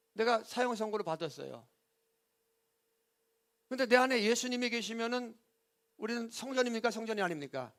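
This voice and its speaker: A male pastor delivers a sermon from a church pulpit, his voice pitched unusually high. He poses question after question, answers them himself and keeps calling on the congregation for an amen. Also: a bit bright. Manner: call-and-response, repeatedly asking the congregation for amen. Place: church sanctuary.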